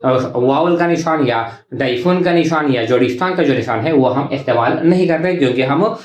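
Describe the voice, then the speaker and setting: A man teaching a shorthand class, speaking slowly and repeating example words syllable by syllable. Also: medium pitch. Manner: slow and repetitive, drawing out example words syllable by syllable. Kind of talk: classroom lesson explaining while writing. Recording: echoey room.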